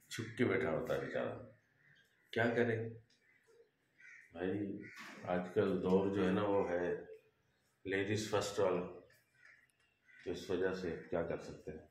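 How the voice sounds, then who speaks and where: A man talks slowly and gently in a casual vlog. He coaxes and calls softly to his birds. The room is echoey, with faint noise behind him. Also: low voice. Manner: soft and hushed at the start, coaxing and calling to birds. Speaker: vlogger showing his pet birds.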